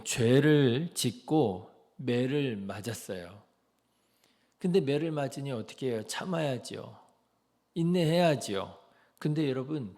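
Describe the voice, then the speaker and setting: A man preaching an early-morning sermon as pastor, asking the congregation rhetorical questions and dropping softly into quoted prayers. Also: medium pitch.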